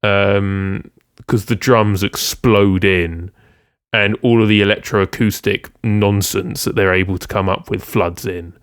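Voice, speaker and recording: A man's voice: on the low side, fairly even intonation, a little slow, clear, resonant tone, no room sound, studio quality. A man co-hosting a casual music podcast, rambling with many ums and restarts. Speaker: podcast co-host.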